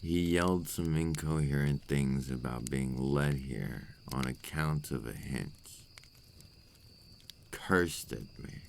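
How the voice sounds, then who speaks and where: Heavily acted and somber, a man performs a remorseful adult vampire who broods over his curse, delivering an intimate ASMR roleplay monologue. The voice is very deep and extremely low, gravelly with a heavy creak. He phrases things slowly and formally, regret-laden, with faint background noise.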